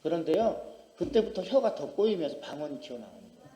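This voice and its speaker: A man's voice: fairly high pitch, sing-song, fairly quick, warm tone. A middle-aged male pastor preaching a sermon to a small congregation, telling his own story in a conversational, emphatic way. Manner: personal testimony, conversational and emphatic. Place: small church sanctuary. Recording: roomy church hall reverb.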